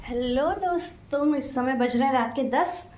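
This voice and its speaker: A woman's voice: high-pitched, unhurried. A woman in her thirties chatting away in a rambling, motherly way while cooking, filmed on a phone at arm's length in a small home kitchen. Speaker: vlogger. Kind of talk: casual cooking vlog chat. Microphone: phone camera at arm's length. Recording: echoey kitchen, faint frying noise.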